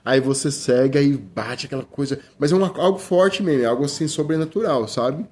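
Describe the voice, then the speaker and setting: Brisk and mid-range, the voice is a little mellow yet slightly rough. It belongs to a middle-aged Brazilian man speaking with a Brazilian Portuguese accent, delivering a conversational, informal sermon with many restarts and frequent "brother" addresses.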